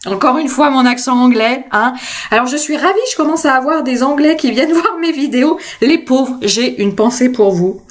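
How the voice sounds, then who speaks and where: A French woman hosts a craft video, her high voice moving at a normal pace. She chats casually through the tutorial, hesitating often and correcting herself along the way.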